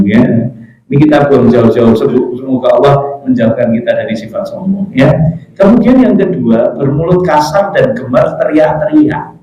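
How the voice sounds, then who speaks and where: A middle-aged man with a Javanese accent preaching a mosque study sermon, lively and joking with the congregation. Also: medium pitch, highs cut off. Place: mosque hall. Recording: echoey mosque hall.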